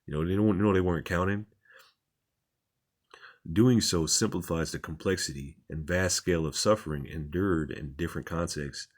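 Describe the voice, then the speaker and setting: A man's voice: deep voice, normal speed. A man reading articles aloud and commenting on them in an informal, repetitive, plain-spoken way, as a religious commentator.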